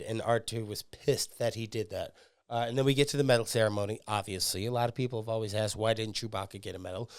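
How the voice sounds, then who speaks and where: A man hosting a podcast, giving excitable, swearing fan commentary with lots of fillers. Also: mid-range voice, smooth, no echo, studio quality. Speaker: podcast host.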